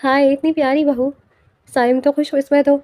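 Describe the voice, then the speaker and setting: A woman's voice: high-pitched, level tone, dark tone, no echo, studio quality, close to an everyday voice. A woman voicing a fond, doting sister-in-law at a dinner.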